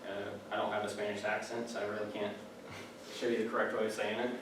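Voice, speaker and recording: A young man gives a casual, chatty class speech, packed with fillers and asides. His fairly low voice is monotone and quick. The recording comes from a distant mic in an echoey room with background noise.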